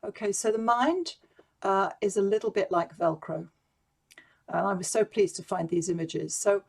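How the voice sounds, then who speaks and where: A woman guides a mindfulness session from home over a video call. She speaks in a gentle, encouraging way and addresses her listeners warmly by name. Her voice sits at an ordinary middle pitch for a woman. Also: vocal fry. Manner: gentle, encouraging, talks directly to participants by name. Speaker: mindfulness teacher. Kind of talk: guided mindfulness talk to online conference.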